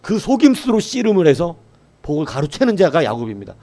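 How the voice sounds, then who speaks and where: Male pastor, sermon delivery, fairly high pitch, very lively intonation, keeps putting questions to the congregation and answering them. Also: fairly quick. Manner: acts out quoted voices in a raised voice.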